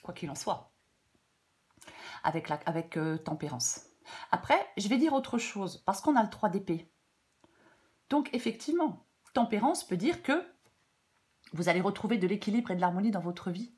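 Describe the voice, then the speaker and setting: A woman's voice: mid-range voice, big pitch swings, darkish tone. Congested woman reading tarot casually. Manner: halting, self-interrupting, chatty asides. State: congested blocked nose from a cold. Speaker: tarot reader. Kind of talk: casual off-the-cuff tarot guidance.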